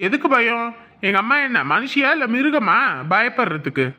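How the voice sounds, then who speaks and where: A man's voice: very high-pitched, very animated, normal speed, bright, forceful tone, exaggerated voice. An actor playing an impatient young husband who gives orders to his wife in a home drama. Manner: bossy, impatient. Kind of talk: Tamil web-series acting.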